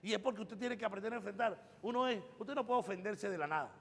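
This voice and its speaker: A man's voice: sits high, fast, creaky, fairly bright tone, in a large hall. A man preaching a sermon as pastor, building up through emphatic repeated phrases. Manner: preaching with rising, emphatic repetition.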